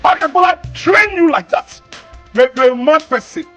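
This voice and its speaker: A furious Nigerian employee tears into his boss in pidgin. His voice rides very high and leaps around as he shouts insults. Faint film music sits underneath. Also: lively intonation, moderate pace, full character voice. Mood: furious scolding. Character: hot-tempered outspoken male employee, middle-aged.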